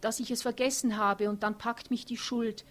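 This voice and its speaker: A woman reading a novel aloud and voicing a young empress, upset and grieving, her lines a bit higher and louder than the narration. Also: steady tone, moderate pace, close to an everyday voice. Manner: agitated, defensive, later mournful.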